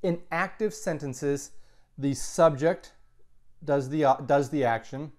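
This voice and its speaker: A man teaching a recorded grammar lesson, explaining slowly and patiently, sometimes correcting himself mid-sentence. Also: fairly high pitch, darkish tone. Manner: slow, patient explaining with self-corrections and asides. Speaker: Latin teacher.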